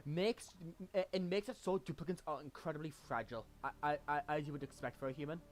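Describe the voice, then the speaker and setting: A young man in a casual gaming chat, excitable, swearing often and stammering on restarts. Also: on the high side, fast.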